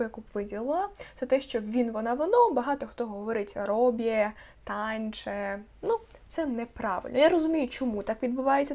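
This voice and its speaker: Female language teacher, slightly high voice, patient step-by-step explainer. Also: dark tone. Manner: explains patiently, sounds out words slowly with stress. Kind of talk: online language lesson.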